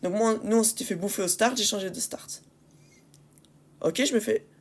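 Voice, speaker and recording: A woman's voice: medium pitch, normal speed. Exasperated woman commentating on gameplay. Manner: exasperated, ranting at teammates; repeats phrases and rhetorical questions for emphasis. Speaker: gaming video creator commentating on match replays.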